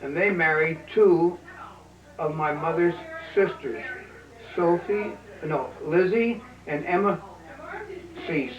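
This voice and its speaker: A man's voice: fairly high pitch, slow. An older man recalling his family history in an interview, unsure and restarting his sentences. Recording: echoey room, distant muffled mic, chatter behind.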